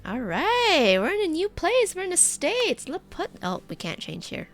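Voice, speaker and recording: A woman's voice: very high voice, huge pitch swings, normal speed. A woman giving chatty let's play commentary as a VTuber, reading game text aloud and making playful asides. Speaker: VTuber streamer. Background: faint game music.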